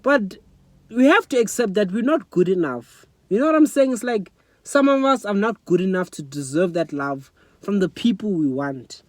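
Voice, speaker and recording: A man's voice: high voice, animated, moderate pace, no room sound. A young man from South Africa talking earnestly and emotionally to his phone camera in a personal vlog, often asking "you know what I'm saying". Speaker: vlogger. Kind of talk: personal reflective monologue. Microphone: phone front camera.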